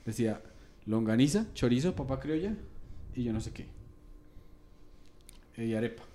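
A man's voice: medium pitch, lively intonation, normal speed, mellow. A young man with a Colombian accent, hosting a comedy podcast and telling rambling stories with many restarts and casual swearing. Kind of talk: casual conversation, storytelling.

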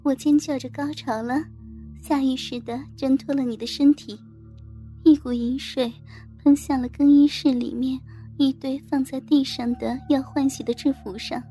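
A woman with a high, mellow voice narrates a first-person audio story. Her delivery is intimate and addresses the listener directly, over faint background music. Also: fairly even intonation, normal speed.

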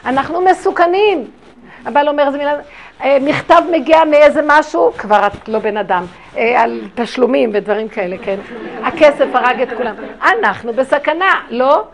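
A middle-aged woman giving a spiritual talk to an audience, telling her stories emphatically and dramatically, with big swings in loudness. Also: high-pitched, animated, gravelly. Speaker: religious speaker.

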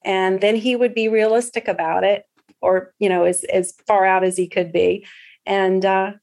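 A woman speaking as an interview guest, telling a personal story with earnest feeling. She has a mid-pitched voice and pauses on fillers and restarts as she remembers. The tone stays heartfelt throughout. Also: fairly even intonation, vocal fry. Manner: earnest, warm recounting with many fillers. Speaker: interview guest, patient's wife.

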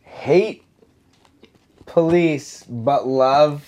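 A man's voice: on the high side, drawn-out words, darkish tone. A man co-hosting a casual cooking chat, laid-back and joking, swearing freely. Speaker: co-host.

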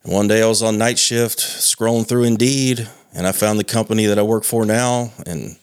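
A man in his thirties talking casually as a podcast guest, relaxed and swearing freely. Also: fairly low pitch, moderate pace, clear, resonant tone, dry recording, studio quality. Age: 30s. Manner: laid-back, swears casually.

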